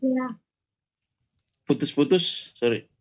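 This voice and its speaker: A former national team striker in his forties gives casual interview answers as a guest over a remote call line with dull, lo-fi sound that keeps breaking up. His fairly high voice swings widely in pitch as he speaks slowly and hesitantly, using many fillers.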